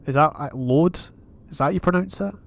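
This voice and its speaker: Slightly quick and pitched on the high side, a young man from Scotland chats his way through a casual Minecraft let's play. The YouTuber thinks aloud while playing and calls out each achievement he unlocks.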